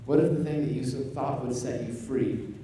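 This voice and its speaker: A man's voice: mid-range voice, steady tone, moderate pace, warm tone, slight background noise. A young man, preaching a casual sermon from a church stage and telling self-deprecating jokes. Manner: joking, self-deprecating storytelling. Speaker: pastor. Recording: echoey hall, voice from far off.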